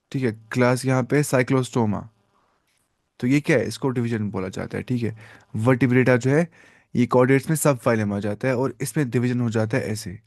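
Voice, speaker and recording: A man teaching a live online biology class in a casual, conversational way. He keeps asking his students questions, then answers them himself, stretching out key terms slowly. The recording is dry and close, with little room sound. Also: medium pitch, a little mellow, dry recording. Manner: mixes English science terms into casual Hindi.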